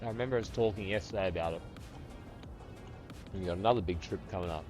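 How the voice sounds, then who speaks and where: A streamer of about fifty plays a game on a live stream, casually chatting with viewers, swearing freely and calling them brother. He talks fast in a low-pitched voice over faint music.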